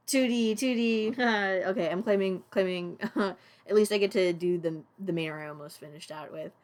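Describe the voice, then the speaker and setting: A woman's voice: mid-range voice, measured pace. Young woman rambling on a craft stream. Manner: rambling, talks to herself and chat, mutters. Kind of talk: casual live-stream chat while animating.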